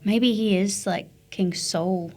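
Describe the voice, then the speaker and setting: A woman's voice: mid-range voice, darkish tone. Teasing woman co-host. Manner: teasing, quick-witted banter. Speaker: guest host. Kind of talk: casual comedic chat.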